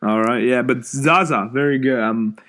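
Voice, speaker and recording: A young man co-hosting a podcast, discussing games in an easygoing way and chiming in with quick agreements. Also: medium pitch, fairly bright tone. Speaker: podcast co-host. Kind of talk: casual sports chat.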